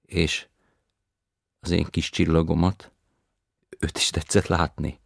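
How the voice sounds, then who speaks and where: A man gives voice to a doting old grandmother, fussing in soft, anxious questions. His pitch climbs a little above his low, gravelly register, and the sound stays dry and close. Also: flat delivery, no room sound. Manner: soft, anxious questions, sometimes hushed to a whisper.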